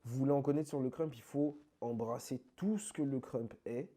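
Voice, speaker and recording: A man being interviewed about dance, talking in an animated, emphatic, slangy way. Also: mid-range voice, moderate pace, slightly rough. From France. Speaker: interview guest, krump dancer. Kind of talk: casual conversational interview.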